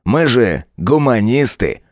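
A man's voice: mid-range voice, big pitch swings, slow, a little mellow, no echo, studio quality, voice pushed up. A man doing a sneering cruel police lieutenant. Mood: mocking. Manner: sneering, taunting.

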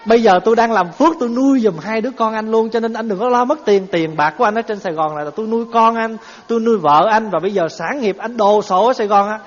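A man doing a coaxing, smooth-talking swindler friend, high-pitched, in a dull echoey hall. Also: fast, hardly any pauses. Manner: coaxing, reassuring.

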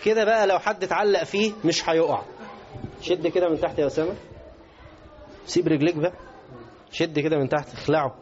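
A man's voice: fairly high pitch, fairly even intonation, fast talker, long pauses. A man with an Egyptian Arabic accent teaching a religious lesson, asking his class questions as he explains. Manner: interactive, asks the class questions. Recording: dull lo-fi recording.

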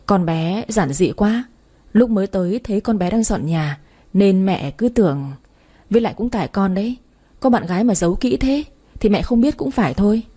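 A proud, wealthy older mother, as a woman narrator voices her. She speaks in a measured, judging way. The voice is warm and mellow with a faintly breathy texture. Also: medium pitch, expressive. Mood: cool. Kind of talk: storybook reading.

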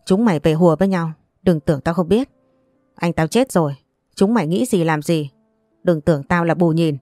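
A woman's voice: on the low side, moderate pace, no echo, clean studio sound, faint music behind, close to an everyday voice. A woman doing a furious bullying uncle. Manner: shouting insults, accusing.

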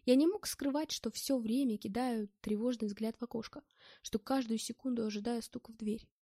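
A woman narrating a first-person novel in a steady, measured reading. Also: on the high side, no echo, clean studio sound. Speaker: audiobook reader.

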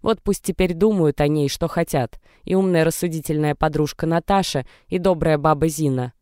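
A narrator reading prose in a measured, even way. The voice is mellow and resonant, recorded close and dry on a studio mic. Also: medium pitch, clean tone, no echo. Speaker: audiobook narrator. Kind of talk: scripted narration.

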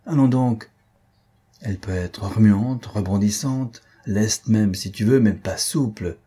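A man reading an audiobook, voicing a stern, sharp-tongued old dowager countess in a tart, dismissive manner. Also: fairly low pitch, slow, husky.

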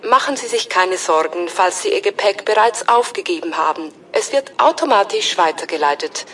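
A woman playing a polite airport announcer in a scripted language-exam recording, with clear, measured delivery. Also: medium pitch, lively intonation, fairly bright tone, a little hiss or hum, lightly acted. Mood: announcing.

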